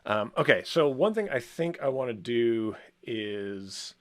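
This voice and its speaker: A man in the middle of his pitch range talks through his work out loud in a loose, rambling way. He fills pauses with ums and chuckles often as he goes. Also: animated. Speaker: co-host working in software. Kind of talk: casual think-aloud while working.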